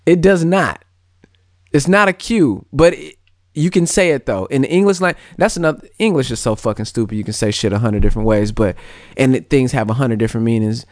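A man in casual podcast banter, animated and argumentative, his voice jumping up when he pushes a point. The sound is dry and close. He laughs often between his lines. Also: medium pitch, a little fast, no echo. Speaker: podcast co-host.

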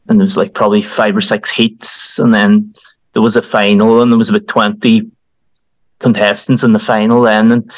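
A man's voice: mid-range voice, no echo, poor audio. A young man from County Donegal with a Donegal Irish accent, chatting informally as an interview guest and peppering his talk with "like" and "you know". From County Donegal, Ireland. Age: young adult. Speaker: podcast guest, country singer. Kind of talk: casual interview chat.

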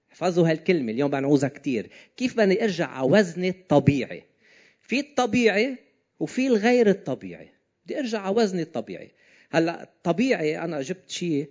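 A man's voice: fairly high pitch, darkish tone. A man with a Levantine, Lebanese Arabic accent gives an informal sermon, talking conversationally and often putting questions to his listeners. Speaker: preacher. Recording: slightly dull, lo-fi sound.

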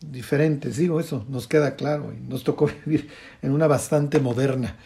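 Mellow-voiced man teaching scripture. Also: medium pitch, moderate pace, vocal fry. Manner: keeps checking in with a questioning "ok?"; explains scripture, then comments on it pointedly. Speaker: Bible teacher. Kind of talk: conversational Bible study teaching.

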